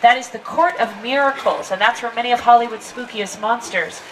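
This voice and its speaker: A woman tram tour guide giving an upbeat, playful scripted narration to riders, heard through an outdoor tram loudspeaker. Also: fairly high pitch, brisk. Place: open-air studio tour tram. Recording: distant outdoor loudspeaker with crowd and vehicle noise.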